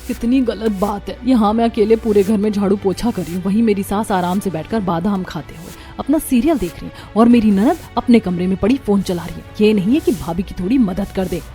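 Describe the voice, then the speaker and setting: A woman's voice: medium pitch, a little fast, hardly any pauses, warm tone, faint music behind, natural voice. A woman voicing an overworked young daughter-in-law in a cartoon, complaining and exasperated. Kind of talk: Hindi cartoon voice acting.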